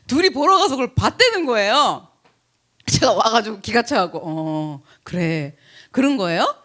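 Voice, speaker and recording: A middle-aged woman pastor telling a chatty, animated story in a sermon, acting out the people she quotes. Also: a little high, a little slow. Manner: chatty, animated anecdote with laughs and acted quotes. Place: church.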